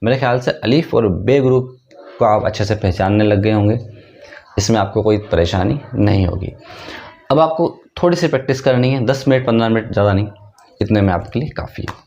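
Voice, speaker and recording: A man's voice: fairly low pitch, brisk, a little mellow, dull audio. A male teacher giving an online script lesson, patiently spelling out each word and repeating every answer as a question to the learner. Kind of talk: online class, step-by-step explaining.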